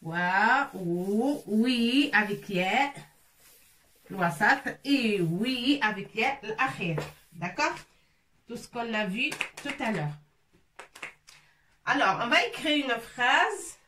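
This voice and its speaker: Speaking on the high side with lively intonation and a sharp tone, an Arabic teacher patiently teaches sounds letter by letter, repeating them slowly and drilling each syllable. The recording is distant and slightly off-mic, in an echoey room with faint noise.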